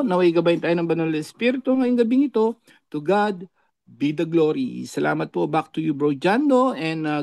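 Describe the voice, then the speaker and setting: A man preaches an earnest reflection, his voice set high and carrying a gravelly edge. He tags his phrases with a questioning "no?" and slips into English. The sound is close and dry. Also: darkish tone, no echo. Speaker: lay preacher on a religious show.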